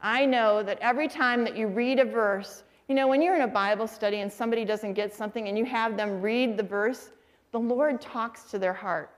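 A middle-aged woman teaching a faith-based class. She tells lively stories and asks her listeners questions. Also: fairly high pitch, brisk. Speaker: Bible study teacher.

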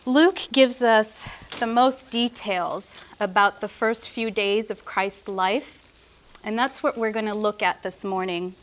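A woman's voice: mid-range voice, slow. A woman giving an earnest, reverent sermon at a pulpit microphone, with a prayer and scripture study. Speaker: preacher.

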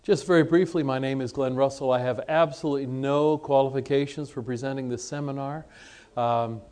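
A man born in Egypt to missionary parents and raised in Lebanon gives an informal religious seminar in a conference room before an audience. His medium-pitched voice is steady, brisk, somewhat mellow and smooth. He talks conversationally and self-deprecatingly, putting questions to his listeners.

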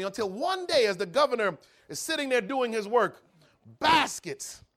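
Brief: male preacher, high voice, dramatic sermon storytelling. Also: a bit bright.

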